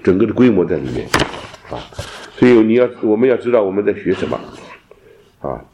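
A man teaching a theology class, lecturing in an animated way and dropping in English terms. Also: on the low side, fairly quick, muffled recording, noisy background. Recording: roomy echo.

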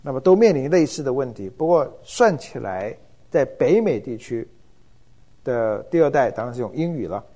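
Mellow-voiced man giving an informal lecture. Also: mid-range voice, moderate pace. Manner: relaxed, with frequent hesitation fillers. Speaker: church ministry lecturer.

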